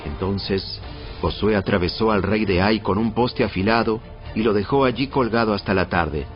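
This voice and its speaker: A man narrating a dramatized audio Bible in a measured storytelling delivery. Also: on the low side. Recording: muffled band-limited audio. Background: prominent background music.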